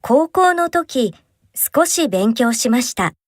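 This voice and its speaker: A woman's voice: fairly high pitch, sing-song, measured pace, dry recording, clean studio sound. A woman as a polite learner in a dialogue. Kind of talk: textbook listening dialogue.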